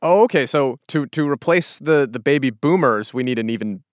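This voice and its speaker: Animated American man co-hosting a podcast. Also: medium pitch, moderate pace, no echo, clean studio sound. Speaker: podcast co-host. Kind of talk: conversational radio hosting.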